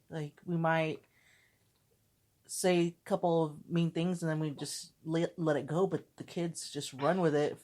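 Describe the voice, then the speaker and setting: A woman's voice: lowish voice, darkish tone. A woman podcast co-host chatting casually in a candid, joking way, with some swearing. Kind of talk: casual chat.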